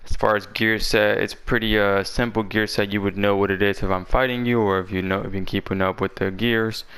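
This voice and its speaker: A man's voice: on the low side, level tone, brisk, fairly bright tone, clean tone. A man talking casually and in slang as he presents a game build guide, his voice a little parched from being sick. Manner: informal, slangy talk.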